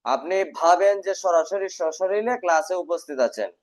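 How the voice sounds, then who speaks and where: A man with a high-sitting voice runs a live online English class at a moderate pace, sternly drilling his students by having them repeat words. It sounds like a video call, with dull, lo-fi audio.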